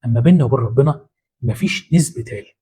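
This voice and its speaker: A man's voice: medium pitch, very fast, mellow. A man with an Egyptian Arabic accent hosting a motivational psychology talk in a colloquial, punchy way with street-slang asides. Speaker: host.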